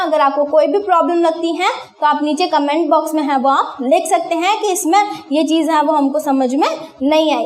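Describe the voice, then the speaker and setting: A woman's voice: high-pitched, echoey room. A woman teacher giving a classroom grammar lesson. She asks questions and answers them herself, repeating key terms for emphasis.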